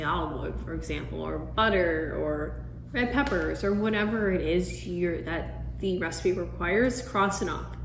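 Seated at a wooden table indoors, a woman in her twenties vlogs to a camera set across the table, casually walking through her meal prep steps and restarting sentences as she goes. Her mid-range voice sounds reverberant, with slight background noise.

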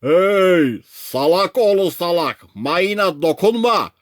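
Man putting on rude rescue sailors in a storybook, shouting abuse by megaphone, raised pitch. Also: moderate pace, no echo, studio quality, natural voice. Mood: yelling. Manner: yelling insults through a megaphone. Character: angry shouting male lifeboat sailors.

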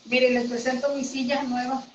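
A woman's voice: high voice, level tone, brisk, noisy background. A woman teaching a casual live craft class from home, chatting with her viewers as friends. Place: home room. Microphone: computer mic. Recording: echoey room, dull audio.

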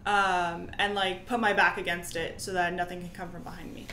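A woman playing a tabletop game, speaking in tentative, halting bits. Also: fairly low pitch, little pitch movement, sharp tone, roomy sound, slight background noise. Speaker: player. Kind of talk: casual tabletop gaming chat.

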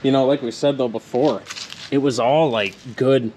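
A young man in a home garage talks his viewers through the repairs in quick, chatty bursts. His voice is mid-pitched. Tools click and clatter clearly around him. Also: fairly even intonation, a little mellow, a little hiss or hum, rough recording. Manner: chatty, fast updates to viewers. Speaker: co-host of a car repair channel. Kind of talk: casual garage chat.

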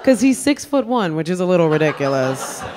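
A young woman from the Bronx doing a sassy, self-mocking stand-up set with quick asides. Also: fairly low pitch. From Bronx, New York. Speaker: stand-up comedian. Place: comedy club stage before a laughing crowd. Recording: lively crowd laughter and noise. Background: audience laughing and cheering.

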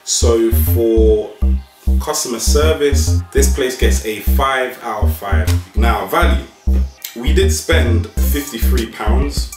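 Chatty vlogger reviewing food. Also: male voice, mid-range voice, slow pace, reverberant, music in the background. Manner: enthusiastic, chatty, gives ratings out of five. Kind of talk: casual restaurant review vlog. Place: restaurant and home room.

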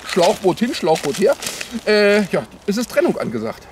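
High-pitched, animated male parody news anchor. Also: moderate pace, noisy background. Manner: mock-naive, sarcastic, rambling with repeated "ja". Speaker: host of a satirical news show. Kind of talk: parody news anchor, improvised satirical headline commentary. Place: outdoors in the cold.

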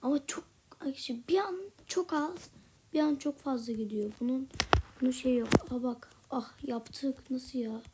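A woman giving casual gameplay commentary in a soft, half-whispered voice, a little sick with a slightly rough voice. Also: high-pitched, normal speed, heavy background noise. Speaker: gaming channel host.

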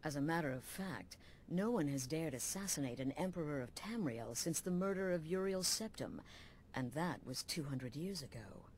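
A woman's voice: low-pitched, expressive, normal speed, a little mellow, slight background noise. An actress voicing a hard-edged female assassin guild leader in a video game, blunt and commanding with a wry edge. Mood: stern. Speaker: game character.

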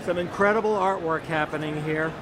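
A man's voice: on the high side, a little fast. A man in his fifties hosting a casual live walkaround in a big exhibition hall, talking upbeat and chatty into a phone camera held at arm's length. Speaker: livestream host. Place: large busy indoor exhibition hall. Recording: loud crowd noise around.

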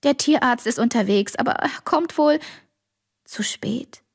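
Audiobook: woman voicing an anxious farm mother, tense, bright. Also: fairly high pitch, a little slow, husky, voice pushed up. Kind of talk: audiobook reading.

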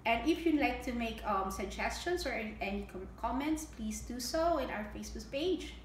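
Reading a picture book expressively to young children, a middle-aged woman leads story time and keeps her explanations simple. She speaks at a normal speed in an animated voice on the high side. The home room with a table sounds echoey, and background noise is audible.

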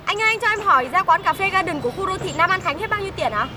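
A woman's voice: extremely high pitch, lively intonation, rapid-fire, crowd noise. A woman playing a flustered, pleading passenger in a hurry in a comedy sketch. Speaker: hurried passenger. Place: outdoors on a city street. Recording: loud street noise outdoors.

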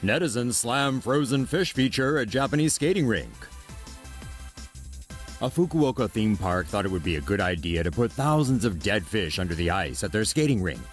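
A man's voice: on the low side, expressive, moderate pace, soft background music. A man narrating scripted news stories in a wry, playful way.

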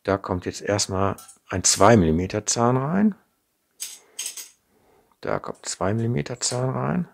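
A middle-aged man from the Ruhr speaks with a broad Ruhr German accent, his voice low, gravelly and a little husky. He chats and thinks aloud at an indoor workbench, picked up by a camera mic over the table, often ending his sentences with a questioning "ne?". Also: animated, a little slow, pauses often. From Ruhr area, Germany. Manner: chatty, thinking aloud while working, frequent "ne?" tags. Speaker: model kit maker. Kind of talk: unscripted hands-on build demonstration. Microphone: camera mic over a tabletop, hands in frame.

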